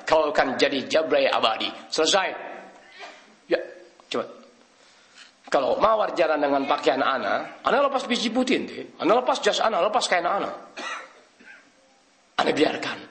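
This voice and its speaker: Middle-aged guy w telling a sermon story, voice kinda high, jumps all over. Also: moderate pace, pauses often. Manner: animated, switches into voices of people in his story; laughs often, mixes Arabic-derived words. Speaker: preacher.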